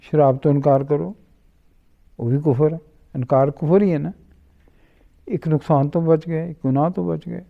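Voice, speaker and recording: A middle-aged man talks through his memories at an easy pace, voicing each person in the story as he goes. His voice sits a little high and has a gravelly edge. The recording sounds dull and lo-fi. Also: fairly even intonation. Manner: unhurried, quotes others in dialogue. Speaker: interview guest. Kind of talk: storytelling in conversation.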